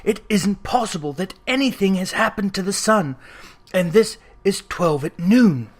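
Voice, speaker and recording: A man's voice: high-pitched, lively intonation, measured pace. A man voicing a crusty, bewildered old Victorian miser from a storybook, muttering emphatically to himself.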